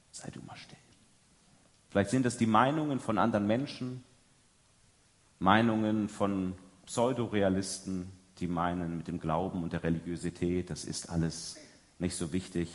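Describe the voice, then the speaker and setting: A man with a fairly low voice preaches a sermon in a large hall, his words trailing off in a long reverb. He talks conversationally, often tagging his sentences with a questioning "ja". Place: large hall before an audience.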